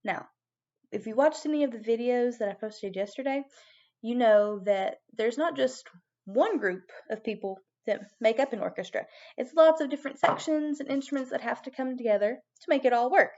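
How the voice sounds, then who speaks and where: Woman, high-pitched, children's music teacher, animated prompting delivery, muffled lo-fi sound. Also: moderate pace. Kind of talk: children's video lesson.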